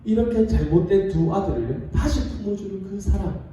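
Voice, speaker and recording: Dark, roomy-sounding male preacher. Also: high-pitched, moderate pace, slight background noise. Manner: storytelling with rhetorical questions. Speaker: youth pastor. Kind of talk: sermon. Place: church sanctuary. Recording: echoey church hall, distant mic.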